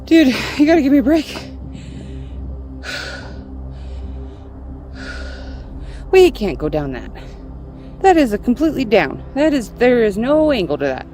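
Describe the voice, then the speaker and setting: A woman's voice: a little high, big pitch swings, fairly quick, mellow, soft background music. A woman working as a sheriff's deputy, talking casually on scene, recorded on body camera audio.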